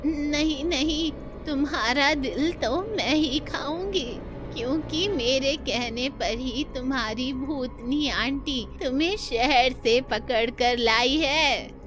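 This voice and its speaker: A selfish old hag of a witch, put on by a woman narrator, high-voiced and stubborn. She drawls slowly and greedily in horror cartoon style over music. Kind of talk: children's horror cartoon story acting. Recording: music behind the voice.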